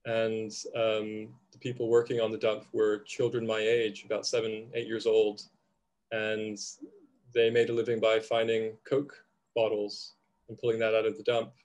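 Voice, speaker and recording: A man's voice: on the low side, monotone, normal speed, darkish tone. A man in his thirties, who grew up in Indonesia, speaking on a video call from a home room, thoughtful and hesitant with restarts. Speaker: panel speaker. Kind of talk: reflective conversation.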